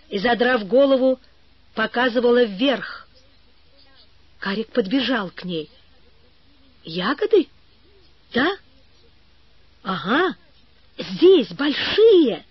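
A woman narrating an adventure story as an audiobook, in a measured storytelling manner. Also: fairly high pitch, dry recording, muffled recording. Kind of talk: audiobook reading.

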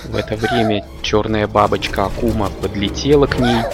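A man's voice: lowish voice, steady tone, moderate pace, music in the background, lightly acted. A man reading scripted narration as a composed cartoon storyteller. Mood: matter-of-fact.

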